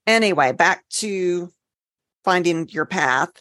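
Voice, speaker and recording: A woman's voice: lowish voice, lively intonation, takes it slowly, a bit bright, dry recording, clean studio sound. A woman co-hosting a podcast, chatting and giving practical advice in a conversational way. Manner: conversational, steering the topic with trivia and advice. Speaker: podcast co-host. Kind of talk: casual chat.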